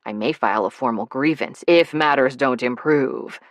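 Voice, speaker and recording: A woman's voice: rumbling low, normal speed, dry recording, studio quality. A woman playing a wry, exasperated woman. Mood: mock-stern. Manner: exasperated, sardonic. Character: flustered wry adult woman, dry wit.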